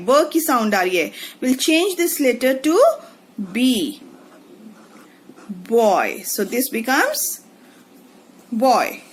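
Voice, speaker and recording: Sing-song woman teaching children. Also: high-pitched. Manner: sing-song, drawn-out letters, questions for the children. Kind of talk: children's lesson, mixing English and Hindi.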